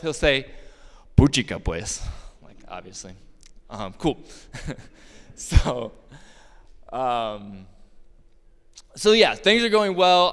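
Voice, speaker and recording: A man's voice: a little high, fairly bright tone, clear, resonant tone. A man telling a personal story about his roofing work on stage, casual and joking, with many fillers. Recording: long hall reverb.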